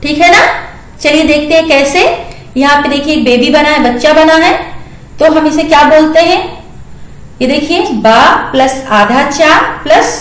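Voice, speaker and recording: A woman teaching young children, patiently sounding out syllables and repeating each word slowly. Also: high-pitched, heavy reverb, poor audio. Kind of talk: classroom lesson for young children.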